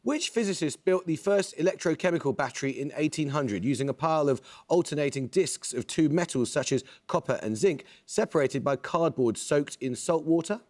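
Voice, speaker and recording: Crisp, measured male quizmaster. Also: a little high, expressive, a little mellow. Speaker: quiz show host. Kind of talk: formal quiz question reading.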